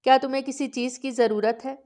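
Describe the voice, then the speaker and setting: Soft-spoken young man, read by a woman. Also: sits high, steady tone, close to an everyday voice. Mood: gentle. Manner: soft, coaxing. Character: gentle young man, caring kidnapper.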